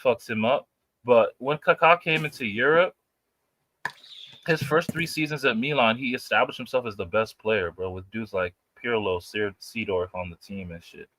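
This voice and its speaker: A man's voice: mid-range voice, moderate pace, a bit bright, poor audio. A man in his late twenties, arguing football in casual chat, emphatic and repetitive, calling people bro. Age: 20s. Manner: emphatic, repeats himself, says bro a lot. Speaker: podcast co-host.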